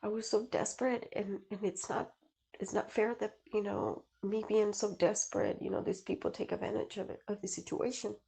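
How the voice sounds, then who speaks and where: A woman with a gravelly, creaky voice and a mellow, dark tone recounts her story. She talks in a casual, hesitant way with many restarts. Her delivery is earnest and pleading throughout. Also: medium pitch, little pitch movement, brisk. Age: adult, mother of two. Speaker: caller seeking spiritual advice. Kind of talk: personal account, casual.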